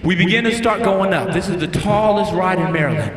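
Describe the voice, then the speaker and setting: A man telling a funny story on stage, animated, acting out screams and voices. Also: high voice, fairly quick. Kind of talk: stand-up storytelling. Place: large church hall. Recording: echoey church hall, faint ambience.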